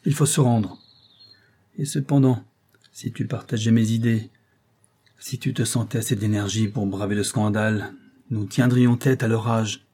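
Male reader doing a stern, curt count, dark and hard-edged. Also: lowish voice, steady tone, normal speed, long pauses, breathy edge. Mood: bitter.

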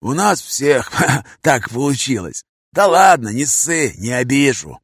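A man voicing a hoarse, gruff male vagrant who talks in coarse street slang. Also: medium pitch, very animated, no echo, clean studio sound, pitched above the performer's own voice. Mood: chatty. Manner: slangy, coarse, drawn-out talk.

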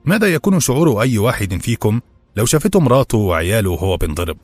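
A defiant young servant with an Egyptian accent argues with firm, impassioned conviction, as a male narrator voices him. The voice sits low and a little husky, in a dry, close recording with faint music behind. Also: very animated, quick pace, darkish tone, dry recording, exaggerated voice. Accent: Egyptian Arabic.

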